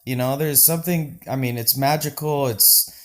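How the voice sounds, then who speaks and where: A man's voice: mid-range voice, moderate pace. A man from Denver, a podcast guest, talking casually and enthusiastically with many restarts. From Denver, Colorado. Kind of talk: casual conversation.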